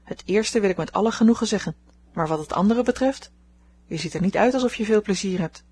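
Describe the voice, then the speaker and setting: A woman's voice: medium pitch, fairly quick, darkish tone, a little hiss or hum, natural voice. A woman voicing an earnest young man.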